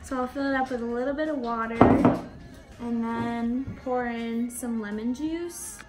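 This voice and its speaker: A woman's voice: on the high side, measured pace, a little mellow, faint music behind, rough recording. A young woman chatting casually as a fitness vlogger, upbeat and full of filler words, filmed on a phone at arm's length. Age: young adult. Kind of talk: casual vlog chat. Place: parked car and home kitchen. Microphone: phone camera at arm's length.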